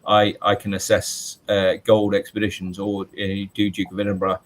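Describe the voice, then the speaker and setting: A teacher in his late forties answers interview questions loudly and chattily, with many fillers and restarts. His voice is on the low side and monotone, at normal speed.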